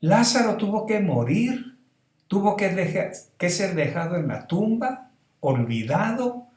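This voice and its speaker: A man's voice: high-pitched, big pitch swings, a little slow, darkish tone. A middle-aged pastor with a Salvadoran accent preaching a sermon, building emphasis as he goes. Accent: Salvadoran Spanish. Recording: roomy echo.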